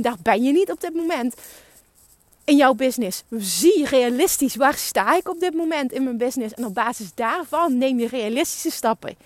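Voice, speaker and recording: A woman's voice: high voice, dry recording. A young woman giving an emphatic, urging motivational monologue as a podcast host, swearing for emphasis. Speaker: podcast host and business coach.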